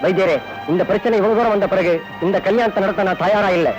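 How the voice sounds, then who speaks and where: An offended bridegroom, played by an actor, who speaks firmly in a quick, high voice. Film music runs under the old soundtrack. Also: male voice, steady tone, close to an everyday voice, rough recording.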